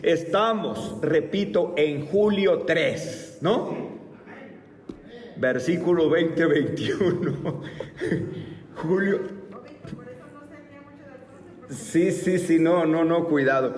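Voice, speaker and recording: A man in his fifties teaching a church Bible class, speaking deliberately and asking the class rhetorical questions. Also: a little high, a little mellow. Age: 50s. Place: church meeting room. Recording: echoey hall, mic far off.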